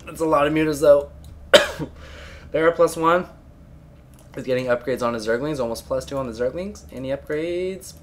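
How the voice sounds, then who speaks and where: A man at home giving blunt, chatty solo commentary on a strategy game, coughing and clearing his throat often. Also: mid-range voice, fairly bright tone, a little hiss or hum.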